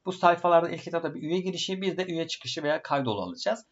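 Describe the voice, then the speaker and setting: A man's voice: fairly high pitch, lively intonation, rapid-fire. A man teaching a programming course, talking to viewers in a friendly way, his voice fuzzy and distorted from a built-in laptop microphone. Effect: distorted fuzzy sound. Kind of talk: online coding lesson wrap-up. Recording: dull lo-fi fuzzy laptop mic.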